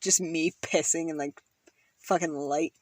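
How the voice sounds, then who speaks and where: A woman's voice: low-pitched, fairly even intonation, a little slow, darkish tone, no echo, clean studio sound. A woman co-hosting a podcast in casual, crude chat, laughing often. She is from Canada and her throat is tickling. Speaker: podcast co-host.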